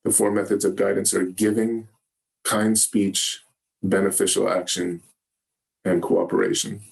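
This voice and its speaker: Zen teacher, male, lowish voice; gentle, halting dharma-talk delivery with many pauses. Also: gravelly. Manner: gentle, halting, searching for words. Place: meditation hall.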